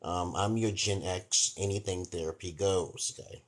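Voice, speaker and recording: Low-voiced New York man rambling on a livestream. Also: fairly even intonation, moderate pace. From Brooklyn, New York, USA. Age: 40s. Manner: rambling, repeats "okay?" often. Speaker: livestream host giving relationship advice. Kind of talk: casual livestream monologue.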